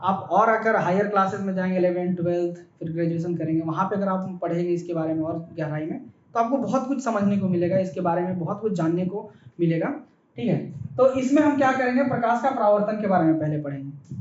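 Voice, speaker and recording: A man teaching a physics lesson in speech, explaining step by step and often checking in with the class. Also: sits high. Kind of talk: classroom lecture. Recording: echoey, dull, faint background noise.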